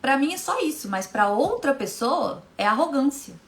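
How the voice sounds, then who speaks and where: Her voice sits high and swings widely in pitch at a normal speed as she leads a relaxed motivational live stream. A hypnotherapist, she talks with emphasis, returns to key phrases, and addresses viewers by name.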